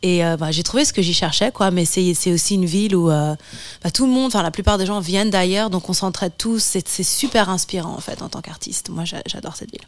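A woman's voice: on the low side, a little fast, no echo. A woman who grew up in France, a musician guest in a casual radio interview, talking hesitantly with many fillers.

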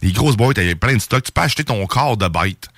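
A man's voice: fairly low pitch, lively intonation, fast, fairly bright tone, no echo, clean studio sound. A man with a Québécois accent co-hosting a radio show, chatting with enthusiasm in slang and with many restarts. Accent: Québécois French. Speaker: radio co-host. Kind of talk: casual radio chat.

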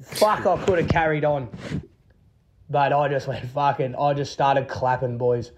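A man's voice: mid-range voice, fairly even intonation, measured pace. An Australian man telling a casual anecdote in a voice message, blokey and full of swearing and slang. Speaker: listener leaving a voice message.

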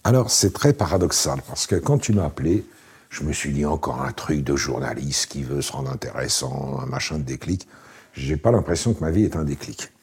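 A man's voice: rumbling low, normal speed, breathy edge. A man in his late sixties, an interview guest telling wry, rambling anecdotes in casual conversation. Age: 60s. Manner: relaxed, wry, anecdotal with frequent fillers.

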